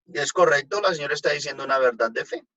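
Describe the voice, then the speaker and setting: A man, a priest, giving a relaxed talk on liturgy to a group and taking their questions, checking in often with his listeners. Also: fairly high pitch, quick pace, lo-fi sound. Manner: conversational, checks in with "¿no?" and "pues". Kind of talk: informal teaching talk with audience questions.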